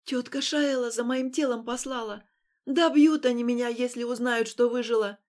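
A woman's voice: a little high, steady tone, moderate pace, darkish tone, close to an everyday voice. A woman voicing a despairing young heroine. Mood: pleading. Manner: pleading, tearful.

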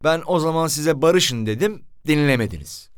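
A man's voice: a little high, expressive, normal speed, clean tone, dry recording, studio quality, voice pushed up, natural voice. A man voicing a stubborn police commissioner who curtly refuses a reconciliation and gives orders. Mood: stern. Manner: curt, authoritative, loud. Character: weary night-shift police commissioner, stubborn.

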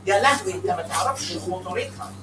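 A man with an Egyptian Arabic accent giving a classroom lecture, animated and teasing, mixing English terms into his speech. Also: sits high, fast. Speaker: accounting lecturer. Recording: echoey room miked from a distance with background noise.

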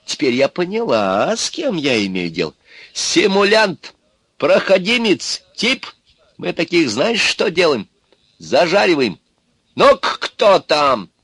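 A man voicing a scheming, cruel old witch in an audiobook, with a hoarse, coaxing voice that turns shrill. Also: wildly swooping pitch, moderate pace, few pauses, dry recording. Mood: furious. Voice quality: hoarse laugh. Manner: coaxing, then shrill and shouting. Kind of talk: audiobook character voice.

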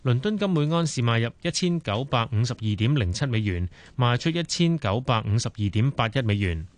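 A man reading the news and weather on the radio in a steady, measured way, close to a studio mic. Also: medium pitch, dry recording. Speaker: newsreader. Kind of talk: scripted news and weather read. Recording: dry studio sound.

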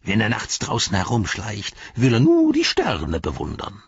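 Man putting on a spiteful old wizard, slow mocking drawl, lively swooping pitch, husky, dry dull audio. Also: dry recording, exaggerated voice. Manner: mocking, drawn-out, taunting. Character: sneering old male wizard, cruel and spiteful. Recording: dry, slightly dull studio read.

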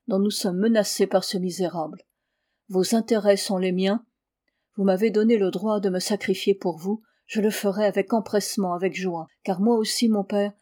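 A woman reading the lines of an earnest young man who is devoted to his father, in a calm, gentle voice. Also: mid-range voice, natural voice.

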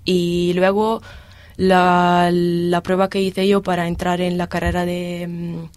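A young woman in her twenties from Italy, speaking Spanish as a second language with an Italian accent, answering interview questions with pauses while she searches for words. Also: on the low side, level tone, darkish tone, no echo. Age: 20s. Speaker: guest, exchange student.

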